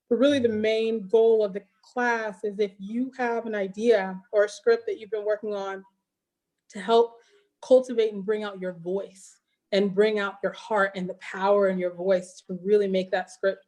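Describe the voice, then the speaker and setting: A woman's voice: medium pitch, darkish tone. A woman guest speaking in a heartfelt, earnest, reflective way in a casual interview chat over a video call. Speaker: guest filmmaker and teacher.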